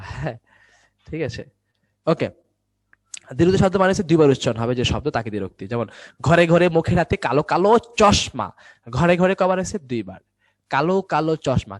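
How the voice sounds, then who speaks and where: A young man teaches a Bangla grammar class online. His voice sits at an average pitch and keeps checking in with quick questions, then answers them himself. The sound is close and dry, with no room echo. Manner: quizzing students, answering his own questions. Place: indoors, recorded for an online class.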